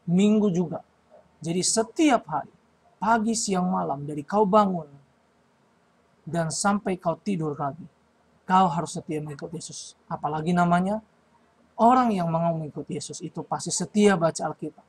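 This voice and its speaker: Husky man preaching to children. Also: sits high, moderate pace, long pauses, poor audio. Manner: asks questions and answers them, repeats for emphasis. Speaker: children's retreat speaker. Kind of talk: sermon to schoolchildren.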